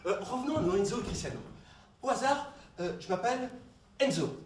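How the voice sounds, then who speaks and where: A man's voice: sits high, big pitch swings, a little fast, background noise. A man in a comedy sketch dialogue, talking in an insistent, explaining way and laughing easily. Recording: echoey room, distant mic.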